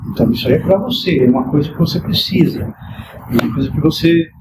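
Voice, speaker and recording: A man's voice: a little high, fast talker. A man teaching a Greek class, patient and reassuring, with many fillers and tag questions. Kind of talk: classroom lecture. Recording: echoey classroom recorded from far off, loud noise.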